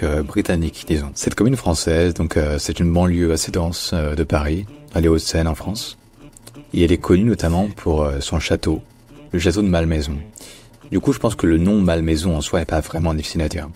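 Low-voiced guy teaching how to say place names, dark husky tone, slows right down on the words. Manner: patient, slows down to model words. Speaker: pronunciation teacher. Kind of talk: explanatory lesson.

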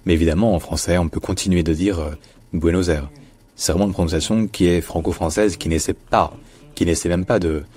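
A man giving a patient pronunciation lesson, slowing down to model each word. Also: rumbling low, a little mellow. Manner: patient, slows down to model words. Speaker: pronunciation teacher. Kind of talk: explanatory lesson.

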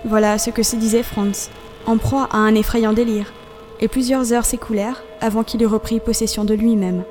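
Music plays under a woman narrating a classic novel as an audiobook. Her voice is a little high, and her storytelling is measured and expressive.

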